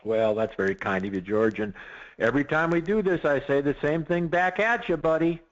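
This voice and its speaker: A man working as a risk management consultant, talking animatedly and excitedly in an interview, often restarting his sentences. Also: a little high, moderate pace, muffled recording. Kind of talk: podcast interview.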